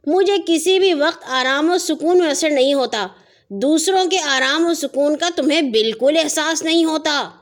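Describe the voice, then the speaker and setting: A woman voicing a grumpy, stubborn male padlock in a children's audio story, complaining loudly. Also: high voice, lightly acted. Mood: grumbling. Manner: loud, complaining, quick when angry.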